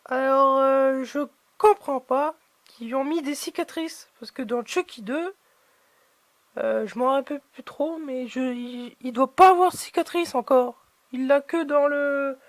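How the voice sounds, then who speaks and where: A woman's voice: high voice, measured pace, no echo. A woman chatting casually as she unboxes collectible figurines, hesitant and full of fillers.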